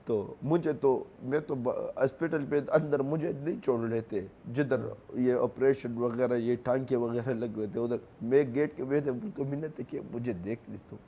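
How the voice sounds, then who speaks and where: A young man with a Pashto accent, native to the language and from Khyber Pakhtunkhwa, Pakistan, describes events in an interview while grieving. He speaks in faltering bits that repeat, his mid-range voice steady yet dark. A little background noise can be heard.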